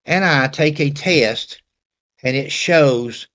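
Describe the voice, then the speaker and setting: A man's voice: medium pitch, slow, a bit bright. Folksy man with an Appalachian accent. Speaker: host. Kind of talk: casual talk to viewers, reading messages aloud.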